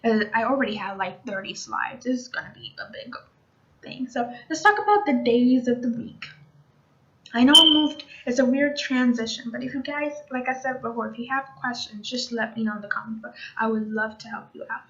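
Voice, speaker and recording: Young woman language tutor, higher-pitched, casual and chatty, drills words slowly, slightly muffled lo-fi audio. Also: a bit bright. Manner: chatty, repeats each word slowly for learners. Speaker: language teacher. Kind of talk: casual online language lesson. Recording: dull lo-fi recording.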